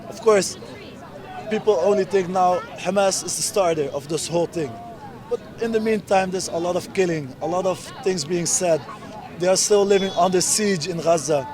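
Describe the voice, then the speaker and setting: A man in his twenties from the Netherlands, interviewed at an outdoor street protest, speaking earnestly and emphatically in short insistent phrases. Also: high-pitched. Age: 20s. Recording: outdoor street recording with loud crowd. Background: crowd of protesters.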